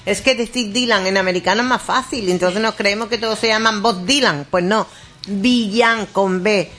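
A woman's voice: medium pitch, normal speed, a bit bright. A woman, hosting a live radio chat show and talking in a playful, chatty way. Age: 60s. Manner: chatty, playful, restarts and repeats words. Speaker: radio host. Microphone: studio microphone.

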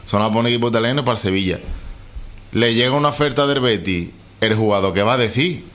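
A man's voice: mid-range voice, quick pace, fairly bright tone. A man giving provocative football opinions on a radio chat show. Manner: argumentative, provocative. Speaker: radio pundit.

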